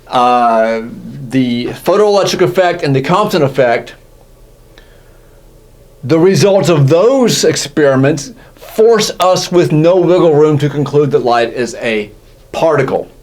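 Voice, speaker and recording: A man's voice: a little high, lively intonation, a little slow, darkish tone. A man teaching physics in a casual, self-correcting lecture style, often checking in with "right?". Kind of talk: classroom lecture.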